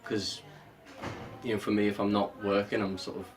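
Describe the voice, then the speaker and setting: Male actor guest, relaxed and halting, a little distant from the mic. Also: lowish voice. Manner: easygoing, halting, many fillers. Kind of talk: casual interview chat.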